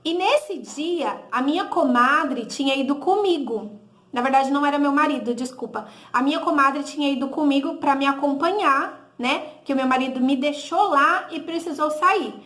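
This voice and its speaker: Woman, brazilian portuguese accent, high voice, chatty testimony, echoey room. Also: normal speed, fairly bright tone. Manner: conversational, re-enacts dialogue with "he said, I said"; frequent tag "né?" and self-corrections. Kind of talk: personal testimony storytelling.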